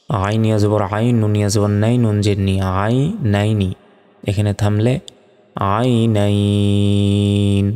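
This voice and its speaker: Man slowly drilling Quran letter sounds. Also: on the low side, a little mellow, long reverb tail. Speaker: Quran reading teacher. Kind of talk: spelling-out recitation lesson.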